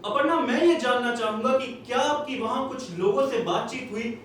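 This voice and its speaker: Guy playing a formal tv news anchor on a stage, voice way up high, big echoey hall, mic far off. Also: normal speed, a bit bright, a little hiss or hum. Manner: formal newsreader delivery, crisp handoffs. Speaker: stage actor. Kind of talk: stage play acting. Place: theatre stage.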